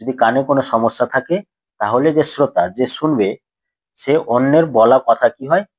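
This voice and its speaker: A man's voice: medium pitch, moderate pace, darkish tone, slightly rough, dry recording, rough recording. A man teaching a grammar lesson to school students, who poses questions and answers them himself and repeats the key points.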